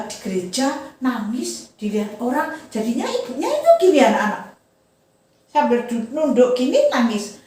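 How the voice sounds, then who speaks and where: A woman Sunday school teacher, animatedly telling a Bible story to children and often checking in with them. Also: high-pitched. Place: church room. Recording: echoey room, far from mic.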